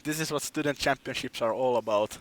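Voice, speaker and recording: Laid-back young co-caster. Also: male voice, medium pitch, a little fast. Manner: laid-back co-host, many affirming yeahs. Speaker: esports caster. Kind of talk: live game commentary.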